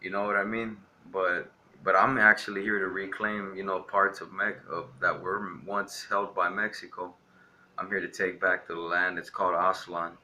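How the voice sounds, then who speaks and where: Here a young man from Texas vlogs a casual ranting monologue, defiant and rambling, saying "you know" again and again. He speaks at normal speed in a low, flat voice that is bright and forceful.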